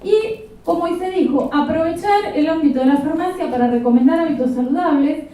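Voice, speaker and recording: This professional conference lecture, practical and explanatory with a light touch of humor, comes from a woman with a Rioplatense Argentine accent. Her high, mellow voice moves a little quickly and sounds distant in the very echoey hall.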